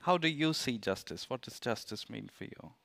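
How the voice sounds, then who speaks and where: A man moderating a panel discussion, handing questions to speakers in a relaxed way. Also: mid-range voice, normal speed, gravelly.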